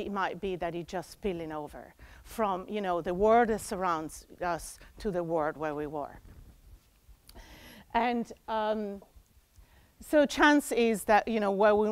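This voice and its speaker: A woman's voice: on the high side, no room sound. Woman giving a conference talk on a lapel mic. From Italy. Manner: animated, many fillers and restarts. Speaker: conference speaker. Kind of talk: conference presentation. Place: conference room.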